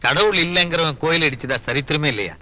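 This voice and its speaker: An earnest, quick-talking atheist guide. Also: male voice, fairly high pitch, animated, sharp tone. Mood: explaining. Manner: explaining, pleading, dry remarks. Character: earnest atheist companion guiding a god.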